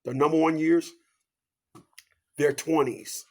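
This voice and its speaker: A man in his fifties speaks slowly, his intonation fairly even, in a preachy motivational monologue. Asking rhetorical questions and repeating catchphrases, he swings from loud, high bursts to hushed asides.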